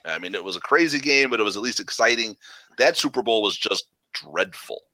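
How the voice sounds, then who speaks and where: A man's voice: on the low side, animated, fairly quick, bright, forceful tone, no echo, poor audio. A man co-hosting a sports podcast, speaking emphatically and repeating words for stress in casual chat. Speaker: podcast co-host.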